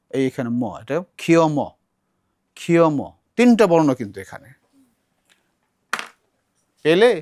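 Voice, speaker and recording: A man's voice: a little high, no echo, clean studio sound. A man from Bangladesh teaching a recitation class, patiently explaining and repeating words aloud to model how they are said. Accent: Bangladeshi Bengali. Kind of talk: classroom lesson.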